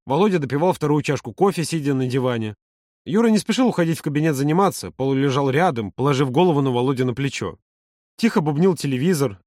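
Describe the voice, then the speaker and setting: A man narrating an audiobook in an even, measured reading. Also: fairly high pitch, dry recording, clean studio sound. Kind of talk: scripted narration.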